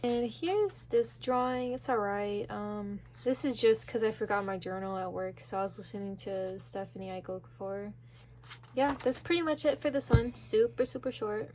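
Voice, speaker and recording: A young woman giving a casual, chatty tour of her sketchbooks, excitable and full of fillers. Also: mid-range voice, normal speed, a little hiss or hum. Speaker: vlogger.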